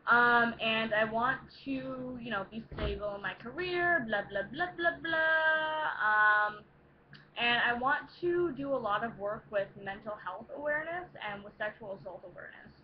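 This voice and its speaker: Casting: young woman vlogger, high voice, tipsy rowdy rambling Q&A chat, slightly noisy lo-fi home sound. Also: moderate pace. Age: young adult. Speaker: vlogger answering Q&A questions. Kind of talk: casual rambling chat to viewers. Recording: dull lo-fi home recording, faint noise.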